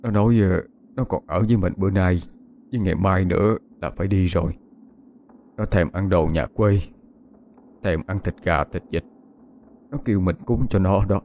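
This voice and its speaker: A man voicing an older grieving father who speaks haltingly. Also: low voice, phone-quality sound, a little hiss or hum. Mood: weary. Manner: halting, hesitant with many "ờ". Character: older grieving father, shaken, plain-spoken.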